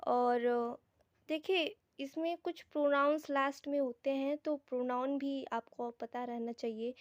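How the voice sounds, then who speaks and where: Speaking straight to her viewers in a blend of Hindi and English, an Indian-accented teacher walks through a grammar point informally and explanatorily. Her voice is high and a little mellow, captured in a dry, studio-quality recording.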